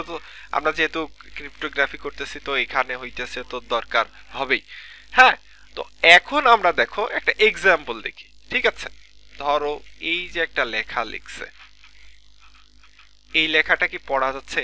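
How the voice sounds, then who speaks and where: A man's voice: on the high side, sharp tone. A man teaching a live online class from a computer mic, explaining step by step and checking in with students often, with a Bangladeshi Bengali accent. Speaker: lecturer.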